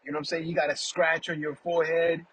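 A male podcaster with a slightly high voice talks fast and flatly over poor audio with a bit of hiss or hum. In his casual faith talk he rambles fondly, turns warmly emotional about family, and frequently asks "you know what I'm saying?"

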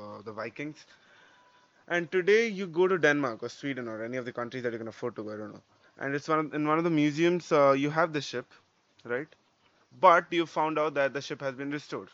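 A man's voice: mid-range voice, a bit bright. A man co-hosting a podcast, casually explaining step by step and often checking in with short tag questions. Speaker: podcast co-host. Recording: dull lo-fi audio.

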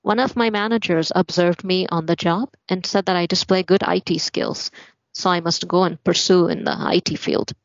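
Low-voiced woman from Malawi, muffled audio. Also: fairly even intonation, moderate pace, dry recording. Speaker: guest. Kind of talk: personal story in a podcast interview.

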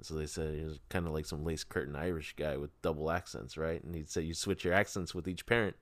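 A man's voice: very deep voice, fairly even intonation, quick pace, dry recording. A man chatting casually, with an informal, teasing way of putting questions to the other person. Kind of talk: casual chat.

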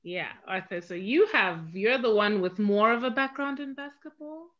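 A woman's voice: medium pitch, normal speed. A woman hosting an interview, asking long, chatty questions with fillers like "um" and "like.". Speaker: interview host. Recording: dull lo-fi audio.

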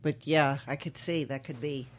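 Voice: mid-range voice, steady tone, normal speed, slight background noise. An interviewer asking hesitant questions full of fillers and restarts.

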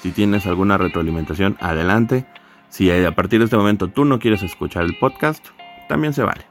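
A man's voice: low-pitched, quick pace, soft background music. Man hosting a casual podcast. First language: Spanish. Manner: hesitant, restarts often in English. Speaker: podcast host.

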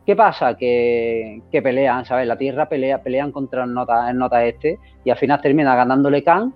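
A man hosting a casual chat, talking excitedly and rambling, with lots of restarts and filler questions. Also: medium pitch, normal speed, faint music behind. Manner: excited, rambling, repeats himself often. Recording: dull lo-fi recording.

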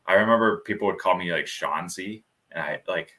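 A man co-hosting a podcast, telling stories in a casual, animated way with frequent laughs. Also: deep voice, fairly quick. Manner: animated storyteller, laughs often. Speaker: podcast co-host. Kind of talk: casual chat.

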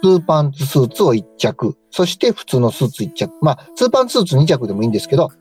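Fast, animated Kansai man explaining on radio. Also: medium pitch, soft background music. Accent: Kansai Japanese. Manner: polite, informal explaining. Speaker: co-host, stylist and tailor shop manager.

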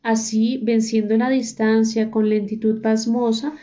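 Woman narrator for a dark story: fairly high, flat and mellow, slow and deliberate, muffled sound. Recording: dull muffled recording.

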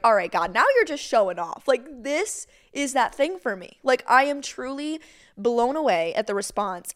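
A young adult woman hosting a casual faith podcast, chatty and excitable, often calling her listeners y'all. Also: on the high side. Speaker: podcast host.

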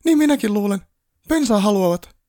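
A shrieking, panicky little elf. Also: male voice, lively intonation, mellow. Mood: panicked. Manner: frantic high shrieking.

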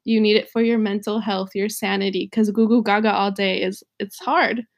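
A woman's voice: medium pitch, fairly even intonation, normal speed. A young woman hosting a podcast, chatting candidly and joking, laughing often. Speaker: podcast host. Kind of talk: casual chat.

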